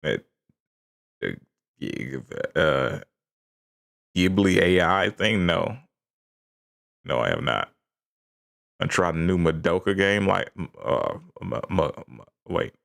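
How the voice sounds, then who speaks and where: Tired guy streaming, gravelly voice, rambly n halting, pitch wanders all over. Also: sing-song, a bit bright. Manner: halting, self-deprecating, tired. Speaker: live streamer. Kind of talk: casual livestream chat.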